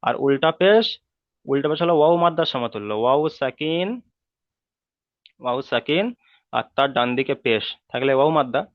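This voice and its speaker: A man teaching Quran reading in an online class, patiently repeating the rules and sounding out letters slowly. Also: mid-range voice, no room sound. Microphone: video call. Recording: tinny phone-like online call audio.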